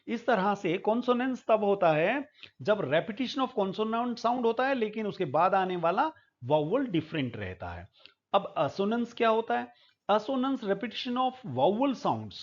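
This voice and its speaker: Guy teaching literature, high voice, drags it out, repeats words a lot, kinda dull lo-fi sound. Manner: explains slowly, repeats words over and over; mixes English terms into Hindi. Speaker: literature professor. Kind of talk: classroom lecture.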